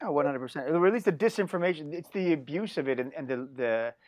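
A man's voice: on the high side, animated, fast talker, a little mellow, slight background noise. A man co-hosting a casual panel chat, talking in a heated, profane way and laughing often. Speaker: podcast co-host.

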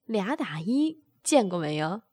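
A woman voicing a bold, pushy man by lowering and raising her voice in an adult audio story. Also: big pitch swings, measured pace, darkish tone, husky, no echo. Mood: bossy.

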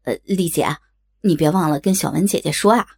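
Woman doing a raspy pleading older man. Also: fairly low pitch, a little fast, a little mellow, voice pushed down. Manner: wheedling, fawning. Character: hoarse pleading middle-aged male client.

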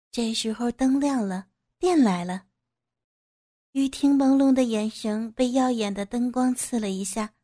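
A woman reading an audio story aloud with steady, even storytelling narration. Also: on the high side.

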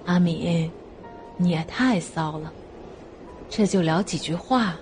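A woman's voice: fairly low pitch, takes it slowly, a little mellow, faint music behind, voice pushed down. A woman voicing an easygoing, indulgent eldest brother.

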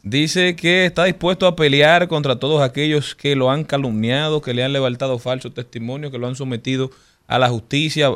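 A man's voice: medium pitch, fairly even intonation, a little fast, fairly bright tone. A man co-hosting a talk show, breaking in with news items. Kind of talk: studio news banter.

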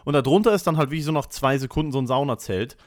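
A man's voice: mid-range voice, fast talker, dry recording. Hyper, rambling man in a dry room. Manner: rambling, crude, wired and hyper. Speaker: podcast host. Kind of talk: casual comedic monologue. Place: small room at home.

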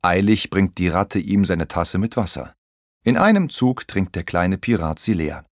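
A man narrating a children's audiobook in an expressive storytelling manner. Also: deep voice, unhurried, dry recording, clean studio sound.

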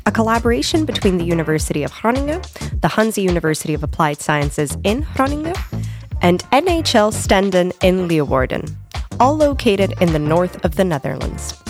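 A woman in her twenties moderating a student podcast, friendly and conversational with some filler words. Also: fairly low pitch. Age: 20s.

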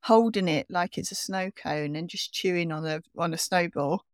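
A woman co-hosting a podcast in casual, self-mocking chat, with a croaky morning voice. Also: fairly low pitch, dry recording, studio quality. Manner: chatty, self-mocking, quick restarts. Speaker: podcast co-host.

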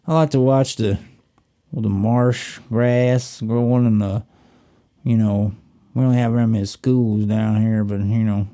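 A man voicing an exaggerated, slow-talking rural Southern country man with a folksy, hesitant drawl. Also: fairly low pitch, fairly even intonation, dark tone, pitched below the performer's own voice, natural voice.

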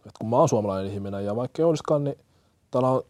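A man's voice: mid-range voice, animated, mellow, no echo. A young man, a firefighter-paramedic from Kenya, answering interview questions earnestly with many fillers and restarts.

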